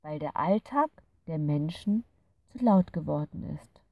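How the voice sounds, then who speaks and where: Storybook fairy creature, gentle and patient, read by a woman, unhurried, slightly distant mic. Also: sits low, lively intonation, no echo, muffled recording, exaggerated voice. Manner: patient, soothing explaining. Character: kind gentle fairy creature from a light dimension.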